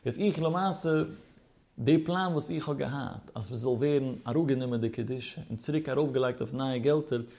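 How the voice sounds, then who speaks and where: A man's voice: mid-range voice, moderate pace, mellow. A man teaching a Talmud study lesson, explaining step by step with rhetorical questions and mixing in Hebrew study terms. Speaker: religious teacher.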